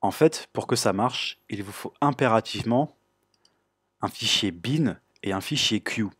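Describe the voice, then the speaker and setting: A man hosting a computer tutorial, explaining step by step in a relaxed way with frequent filler sounds. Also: on the low side, unhurried, slightly rough, no echo, clean studio sound. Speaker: tutorial host. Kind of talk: screen-recorded tech tutorial.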